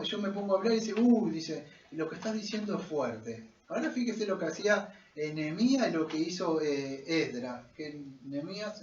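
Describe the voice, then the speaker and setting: A man preaching in church, pushing hard on key words and filling pauses with "eh". His voice sits high and lively. The sound is dull and distant, with a roomy echo around it. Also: slight background noise. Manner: preaching with emphatic rises and many fillers. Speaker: pastor. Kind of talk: sermon.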